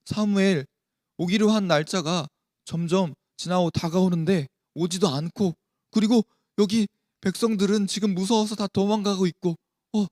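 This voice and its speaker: A man's voice: a little mellow, no room sound, clean studio sound, close to an everyday voice. A man doing a nervous king's excuses. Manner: worried, pleading, slightly raised pitch. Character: anxious male king making excuses.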